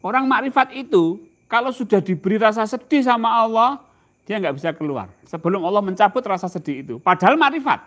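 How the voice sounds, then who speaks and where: A man's voice: sits high, animated, a bit bright. A man with a Javanese accent giving an informal religious lecture, often putting questions to his listeners and stretching his words for emphasis. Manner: asks the audience questions, drawn-out emphatic phrasing. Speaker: religious teacher.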